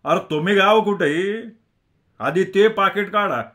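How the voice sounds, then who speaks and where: A man's voice: sits high, lively intonation, brisk, voice pushed up. A man voicing a menacing gang leader who bullies and accuses. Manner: bullying, loud, accusing.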